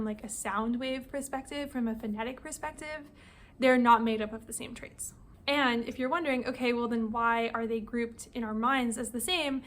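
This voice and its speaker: A chatty woman explains research in a casual, informal way, with lots of fillers and quick restarts. Her voice sits a little high. A faint hiss of noise runs under the recording. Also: fairly bright tone. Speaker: video essay host.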